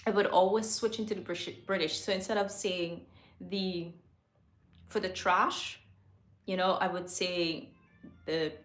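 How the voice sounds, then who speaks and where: A woman's voice: on the low side, steady tone, a little slow, long pauses, fairly bright tone. A woman hosting a casual face-to-camera livestream from a home studio, chatty, laughing often and correcting herself as she goes. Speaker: livestream host. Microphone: microphone. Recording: roomy echo.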